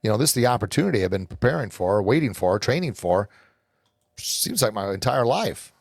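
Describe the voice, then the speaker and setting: A man's voice: fairly low pitch, sing-song, brisk, gravelly, dry recording, clean studio sound. A middle-aged man hosting a motivational podcast, speaking earnestly, rambling and often repeating words as he starts a sentence. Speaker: podcast host and hockey coach.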